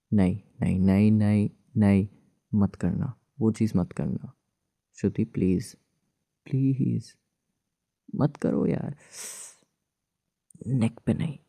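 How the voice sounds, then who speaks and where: A man voicing a young husband married to his ex, gruff but tender, in a hushed, soothing, teasing whispered role-play. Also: fairly low pitch, fairly even intonation, slow, pauses often, no room sound, studio quality, heavily acted.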